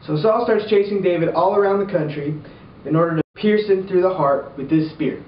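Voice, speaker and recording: A man's voice: high voice, a little fast. A man with an upbeat, slangy, jokey youth pastor manner, casually telling Bible stories for laughs. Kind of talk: casual comedic Bible storytelling to camera. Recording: roomy, distant, muffled, faint background noise.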